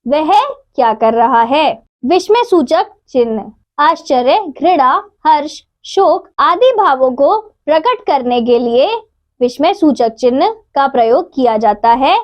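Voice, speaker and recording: A woman teaching a grammar lesson to children, reading out examples slowly and clearly. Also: high-pitched, expressive.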